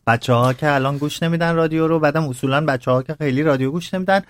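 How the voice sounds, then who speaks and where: A man's voice: a little high, dry recording. A man hosting a radio talk show, telling a humorous family story. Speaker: radio host.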